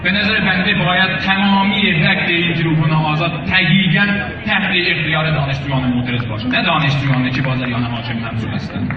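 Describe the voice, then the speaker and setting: High-voiced young man giving an echoing rally speech. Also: steady tone, hardly any pauses. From Azerbaijan region of Iran. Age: young adult. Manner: impassioned, declamatory, repeating slogans. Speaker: student speaker at a protest forum. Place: large echoing university gathering with crowd. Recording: distant echoey dull recording, crowd noise.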